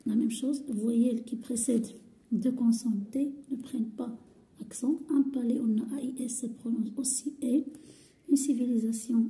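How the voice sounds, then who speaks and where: Slow, dark-toned woman teacher. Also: fairly high pitch. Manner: slow, deliberate, often half-whispered delivery; spells out letters and repeats words. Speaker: French teacher. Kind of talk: slow lesson explanation.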